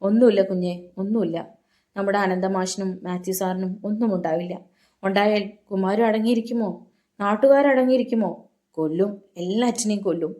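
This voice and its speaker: A woman's voice: medium pitch, brisk, dark tone, natural voice. Woman doing a young man, tearful, stern, protective. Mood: tearful, fierce. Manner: sobbing yet stern.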